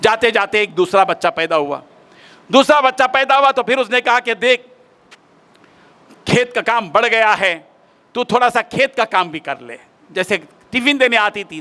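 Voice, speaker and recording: A male maulana tells a moral story during a sermon and drives home its lesson emphatically. His voice is unusually high for a man and bright and cutting. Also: expressive, normal speed. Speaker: maulana preacher.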